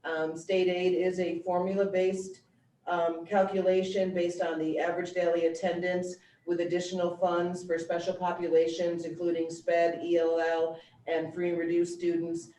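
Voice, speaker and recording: A woman giving an informal, explanatory presentation in a measured, matter-of-fact way. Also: lowish voice, monotone, warm tone. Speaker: school district finance presenter. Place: meeting room, relayed over a video call. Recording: echoey room, distant mic, faint noise.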